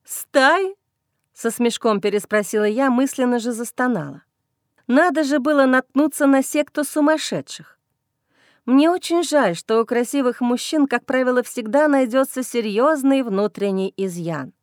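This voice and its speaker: A woman narrating a first-person fantasy audiobook with an expressive, ironic tone. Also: fairly high pitch, moderate pace, dry recording, clean studio sound.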